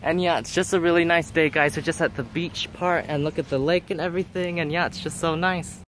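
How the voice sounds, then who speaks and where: A man's voice: on the high side, steady tone, fairly quick, a bit bright, a little hiss or hum. A teenage male vlogger chatting casually to the camera in a rambling way, often exclaiming. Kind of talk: casual vlog chat to camera.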